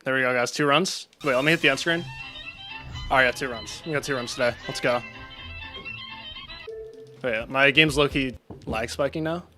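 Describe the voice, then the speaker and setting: A man's voice: mid-range voice, moderate pace, pauses often, sharp tone, faint music behind. A man giving casual live-stream commentary while playing, chatting with his viewers between attempts. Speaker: gaming streamer.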